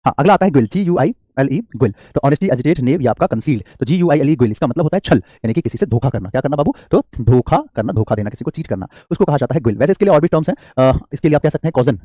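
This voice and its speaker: Give me a fast, chatty male teacher with a warm, relaxed tone, running a live online class. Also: medium pitch, no echo, studio quality. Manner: chatty, jokey, calls students "beta", reads comments aloud. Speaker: English teacher.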